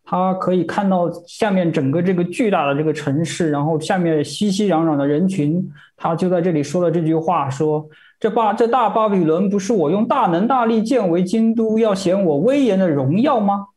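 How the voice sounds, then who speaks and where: High-pitched man interpreting a sermon. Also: moderate pace, darkish tone. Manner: hesitant, many fillers and repeated words.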